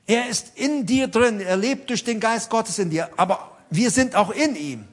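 A man in his sixties with a notably high voice delivers a sermon. He talks to the congregation as if chatting, then builds to emphatic, insistent peaks. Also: lively intonation, a little slow. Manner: conversational preaching, addresses listeners directly, rising emphasis. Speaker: preacher.

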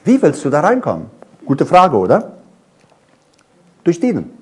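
A middle-aged male preacher in full sermon. His voice sits high and leaps up and down, lively and expressive. He draws the congregation in with questions and stories from his own past. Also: measured pace, slightly rough. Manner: animated, asks the congregation many questions; tells personal stories.

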